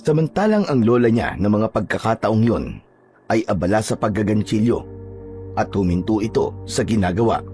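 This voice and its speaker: A man narrating a scripted horror story in a measured, dramatic way. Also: lowish voice, expressive, darkish tone, soft background music.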